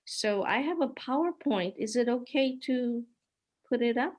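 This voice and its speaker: A woman's voice: fairly high pitch, expressive, darkish tone. An older woman from Hawaii, a guest on a video call, telling her life story unhurriedly and stopping now and then to sort out her slides. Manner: unhurried, stops to sort out her screen share. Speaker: interview guest.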